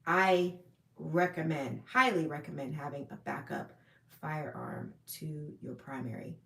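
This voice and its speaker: A woman's voice: sits low, measured pace, gravelly, sharp tone, roomy sound. A woman hosting a casual livestream, chatting with viewers in a friendly, rambling way. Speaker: livestream host. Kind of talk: casual live chat answering viewers.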